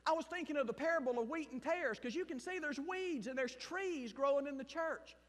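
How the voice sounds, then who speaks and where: A missionary pastor from South Mississippi preaches a sermon with a Southern accent, weaving in personal testimony from his own life. His voice is very high and fairly quick, swinging between loud bursts and hushed asides. Long hall reverb colors the recording.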